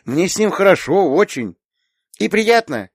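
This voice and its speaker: A man reading an audiobook, voicing a gentle, thoughtful young woman who speaks softly and a little hesitantly. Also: high-pitched, big pitch swings, measured pace, husky, dry recording, studio quality, voice pushed up, full character voice. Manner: soft, hesitant, lifted voice. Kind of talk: audiobook character voice.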